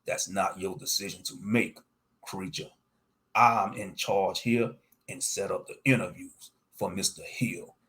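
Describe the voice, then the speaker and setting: Man acting male warden, stern, calm, low-key authority, monster storybook. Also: unhurried. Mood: firm.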